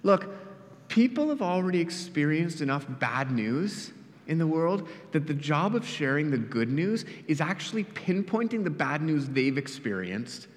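A man preaching a sermon in an earnest, storytelling way, often dropping quiet for emphasis. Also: a little high, big pitch swings, moderate pace, long reverb tail. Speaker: pastor. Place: church.

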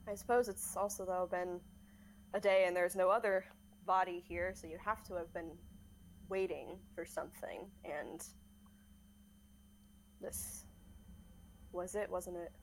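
A woman's voice: lowish voice, fairly even intonation, a little slow, long pauses, slight background noise, low-quality recording. A woman voicing a shaken, guarded young man in a tabletop game, speaking hesitantly. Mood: wary.

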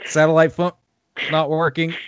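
A man co-hosting a casual gaming news chat over a choppy mobile call connection that keeps breaking up, laughing often and filling pauses with "uh" and "um". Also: a little high, completely flat delivery, smooth, dry recording. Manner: laughs often, many fillers. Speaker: podcast co-host. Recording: dull lo-fi call audio, dry.

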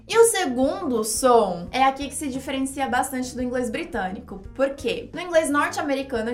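A Brazilian woman teaching English pronunciation in an upbeat online lesson, drilling words for the listener to repeat. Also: high voice.

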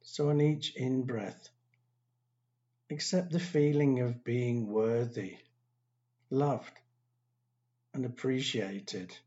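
A man guiding a meditation, giving slow, calm, soothing instructions with long pauses. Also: medium pitch, muffled recording. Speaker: meditation teacher. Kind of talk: guided meditation.

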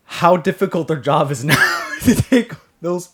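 A man's voice: on the high side, a little slow, slightly rough. A man co-hosting a casual podcast, telling stories with lots of swearing and putting on other people's voices, sitting a bit too far from his mic. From California. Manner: animated storyteller, swears freely, acts out voices. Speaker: podcast co-host. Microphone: sits too far from the mic.

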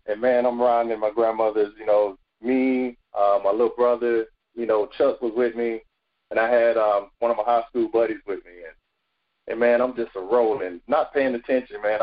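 A man, telling animated stories as a podcast guest, often repeating words and saying "you know". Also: mid-range voice, lo-fi sound. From South Carolina, USA. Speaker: guest, former football player. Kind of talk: storytelling in a podcast interview.

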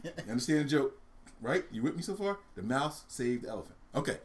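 A man's voice: medium pitch, fast talker. A man on a casual talk show, telling a long joke with lots of laughs and shrieking voices. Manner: animated, laughs a lot, shrieks during voiced parts of jokes.

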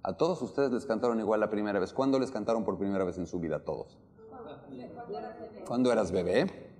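A man with a Mexican accent giving a lively talk to a live audience, questioning listeners and acting out the melody of speech. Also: fairly low pitch, a little fast, slight background noise. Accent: Mexican Spanish. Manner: animated, questions the audience, demonstrates intonation. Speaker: opera workshop lecturer.

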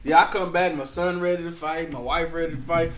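A middle-aged man telling a story in casual chat, animated and profane, acting out what people said. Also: a little high, fairly quick, over a noisy crowd. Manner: animated, profane, acts out quotes.

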